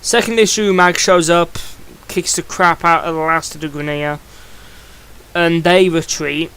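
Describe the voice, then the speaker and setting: A man's voice: fairly high pitch, steady tone, unhurried, fairly bright tone, clear, resonant tone. A young man giving a casual video review, rambling and chatty, often restarting his sentences. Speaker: comic book reviewer.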